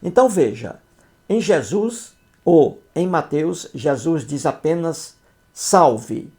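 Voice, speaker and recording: Gravelly, dark-voiced man lecturing scornfully. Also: fairly high pitch, expressive, slow. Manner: didactic, repeats points, asks "entendeu?"; scornful, mocking. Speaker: video commentator. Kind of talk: critical commentary on scripture.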